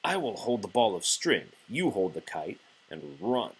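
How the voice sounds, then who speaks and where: A man's voice: lowish voice, sing-song, a little slow, slightly rough, exaggerated voice, low-quality recording. A man voicing a sensible, encouraging frog in a children's story, speaking in an emphatic, instructive way.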